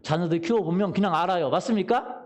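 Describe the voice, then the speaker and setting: A middle-aged man delivers a sermon as pastor inside a church sanctuary, mixing funny anecdotes with questions for the congregation. He speaks at a quick pace in a high-pitched, darkish voice.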